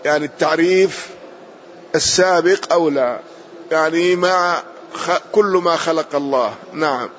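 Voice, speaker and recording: Working through a classical text line by line, a male teacher speaks in a fairly high, slightly bright voice. He is measured and methodical, restating things for clarity and wrapping up points with a quick affirmation. The recording is muffled, lo-fi, and faintly hissy.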